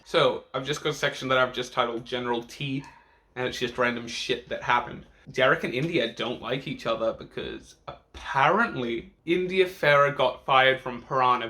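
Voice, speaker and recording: A male drag queen chatting in a casual reaction vlog with a campy, catty manner. His voice is sharp and bright at an average male pitch. He swears freely, leans on sassy slang and repeats words for emphasis.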